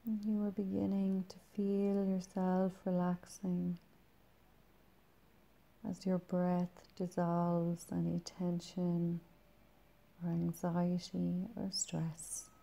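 In a very dark, relaxed voice that stays flat and even in pitch, a woman guides listeners through a meditation. She is soft, breathy, and soothing, taking her time and leaving long pauses.

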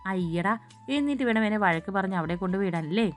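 A woman's voice: mid-range voice, lively intonation, fast, soft background music, close to an everyday voice. A woman voicing an innocent, childlike young bride who talks in a naive, pouting, sing-song way in a storybook reading. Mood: innocent pleading.

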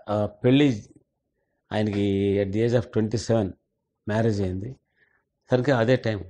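A man's voice: fairly low pitch, mellow. An older man and senior journalist, earnestly telling a family story in an interview and mixing in English words.

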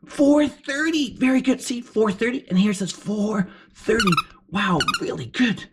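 A woman voicing an excitable, encouraging furry puppet as a kids show host, with gasps and exclamations while teaching children. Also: fairly high pitch, a little slow. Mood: excited, encouraging. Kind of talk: children's lesson, sing-out praise and questions. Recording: clear background noise.

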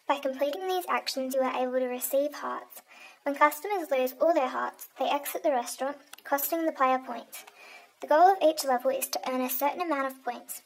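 A young woman with a high, light voice reads a game review from a script. She keeps a steady, even delivery and now and then slips on a word. A faint hiss and a few clicks sit under the recording. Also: rough recording. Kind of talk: read-aloud scripted review. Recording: faint background noise with clicks.

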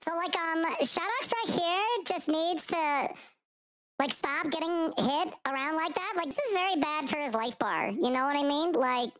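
A man putting on a squeaky, hyper helium-voiced valley girl voice while commentating a fighting game match. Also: moderate pace, fairly bright tone, no room sound. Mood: hyper giddy. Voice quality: squeaky, giggly, bouncing. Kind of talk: comedic voice during esports commentary.

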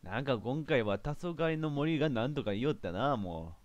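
A man with a doing casual game commentary, rough and bossy, scolding and muttering to himself. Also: medium pitch, expressive, normal speed, lo-fi sound. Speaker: game streamer. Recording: game video with loud background music.

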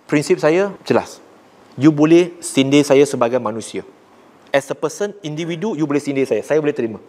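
A man with a Malaysian accent preaching to young people, blunt and forceful, mixing languages and rising sharply to drive points home. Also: fairly high pitch, animated, fairly quick. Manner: rises sharply when making a point. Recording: long hall reverb.

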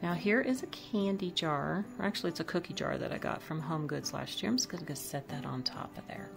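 With music playing behind her, a woman with a deep, creaky voice talks briskly and casually while decorating her home kitchen, musing aloud over each piece. It's a laid-back voice-over demo.

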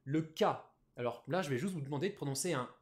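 A man's voice: on the high side, fast. A man teaching a Japanese lesson on a live stream, explaining patiently with many fillers.

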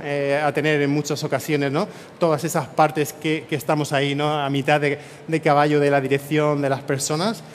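An energetic man with a Spain Spanish accent gives a motivational keynote from a conference stage. His voice sits a little high, and he keeps tagging his lines with quick "eh?" and "no?" as he rallies the crowd. A faint hiss runs behind him. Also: long reverb tail. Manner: energetic, peppers speech with "¿eh?" and "¿no?" tags; addresses and rallies a live audience. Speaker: keynote speaker. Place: conference stage before an audience.

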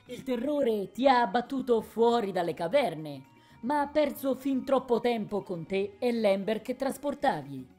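A woman voicing a calm, proud female commander of a warband in a fantasy audio story. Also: a little high, measured pace, soft background music, voice pushed up.

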